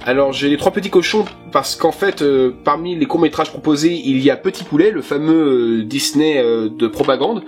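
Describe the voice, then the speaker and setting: A man's voice: fairly high pitch, normal speed, hardly any pauses, a little mellow, faint music behind. A man chatting casually and with enthusiasm as he shows his film collection, with a few fillers. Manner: self-conscious about his English pronunciation. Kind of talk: casual presentation.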